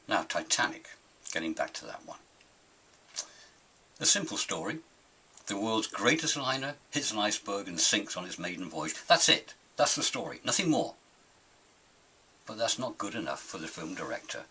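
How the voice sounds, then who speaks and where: Grumpy older man with raspy voice. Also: fairly low pitch, big pitch swings, measured pace, pauses often, bright, forceful tone, poor audio. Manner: grumpy, indignant, emphatic. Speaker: opinionated film critic and host of his own show. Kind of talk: rambling opinionated monologue.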